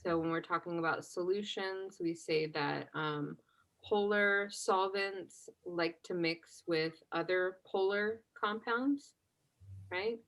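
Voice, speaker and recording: In this poor-quality clip, a slow-speaking woman with a lowish voice leads a chemistry exam review. Her teaching is relaxed and conversational; she asks the class questions and keeps confirming they follow by saying "right?"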